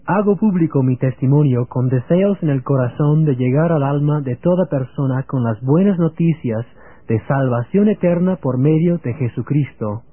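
A man's voice: on the high side, husky, dry recording. Earnest young man reading testimony. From Virginia, United States. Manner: earnest, steady, read-aloud. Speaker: guest giving a testimony. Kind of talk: read religious testimony. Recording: phone-like lo-fi radio broadcast.

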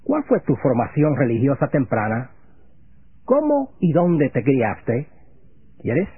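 A man hosting a religious radio program, asking questions in a formal, measured and reverent manner. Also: medium pitch, big pitch swings, slightly rough, no room sound. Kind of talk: scripted religious radio interview. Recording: phone-like lo-fi radio broadcast.

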